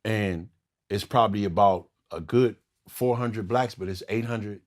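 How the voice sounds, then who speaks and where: A man's voice: on the low side, measured pace. A man guest in an interview, recalling his past hesitantly with many fillers. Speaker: podcast guest, former prisoner. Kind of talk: interview storytelling.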